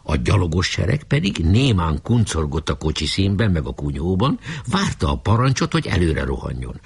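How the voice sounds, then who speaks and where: A man narrating a story aloud in an expressive storytelling manner. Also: low voice, creaky, slightly rough. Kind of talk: audiobook narration.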